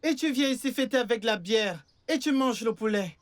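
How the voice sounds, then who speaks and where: A man's voice: very high voice, expressive, moderate pace. A young man playing a son who swears revenge for his blinded mother, speaking threateningly in a French-dubbed film drama. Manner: threatening, vengeful. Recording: film soundtrack with faint music.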